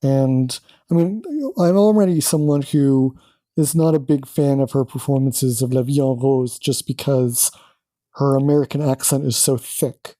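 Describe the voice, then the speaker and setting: A man's voice: medium pitch, steady tone, a little slow, dark tone, no room sound. A man co-hosting a podcast, chatting in an opinionated, wry way. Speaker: podcast co-host. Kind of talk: casual podcast chat.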